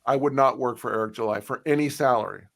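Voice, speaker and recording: A man's voice: mid-range voice, fast talker, creaky, a loud crowd. A man chatting casually on a stream, emphatic, swearing and repeating himself for stress. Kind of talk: casual group chat on a stream.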